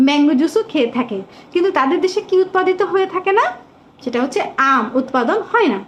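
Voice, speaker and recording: A woman teacher giving a live online English lesson, patiently repeating questions and drawing out English words slowly. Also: high-pitched, animated, a little hiss or hum.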